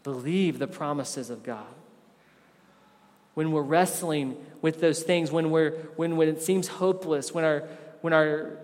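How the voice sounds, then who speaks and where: A fairly high-voiced man preaching, his words trailing off in the long reverb of a big room. He swings between loud, pressing emphasis and hushed, tender asides. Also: unhurried. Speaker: pastor. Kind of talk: sermon.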